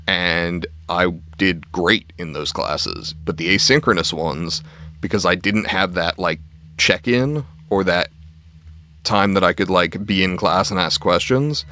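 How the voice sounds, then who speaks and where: Faint game music plays as a young man streams, chatting casually with viewers in a deep, somewhat bright voice. He drifts through self-deprecating personal anecdotes, dropping casual swear words along the way.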